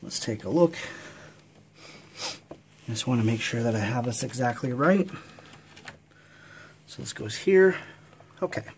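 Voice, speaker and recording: A man's voice: mid-range voice, expressive, measured pace, long pauses, slight background noise. A man talking through a casual step-by-step tech tutorial, out of breath and chatty with fillers.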